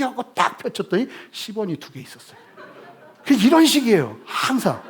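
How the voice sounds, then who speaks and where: Male pastor, sermon, animated humorous storytelling, slightly high voice, very lively pitch. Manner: animated, humorous storytelling with sudden loud bursts.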